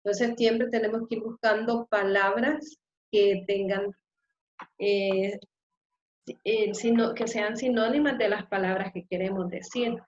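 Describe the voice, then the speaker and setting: A woman teacher giving a slow, patient class lecture, often checking in with the students. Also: medium pitch, fairly even intonation. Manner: slow and explanatory, with frequent rhetorical "¿verdad?". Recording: roomy, dull lo-fi sound.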